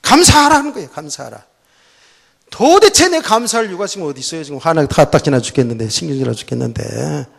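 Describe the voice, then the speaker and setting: A middle-aged man, a pastor, telling a personal story in a sermon, swinging between loud outbursts and soft, low asides. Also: very animated, fast talker, gravelly, few pauses, husky. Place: church sanctuary.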